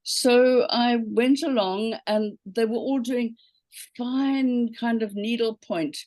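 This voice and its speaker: A South African woman in her seventies, a quilting teacher, chats as a guest on a video call, telling stories with plenty of ums and frequent check-ins of "okay?" Her voice is a little high, slow and darkish, and the sound is dry and close with no room echo.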